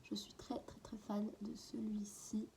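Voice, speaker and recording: A woman's voice: medium pitch, little pitch movement, a little slow, gravelly, mellow. A woman in a casual, unedited beauty haul, chatting away and often dropping into a half-whisper. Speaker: beauty vlogger.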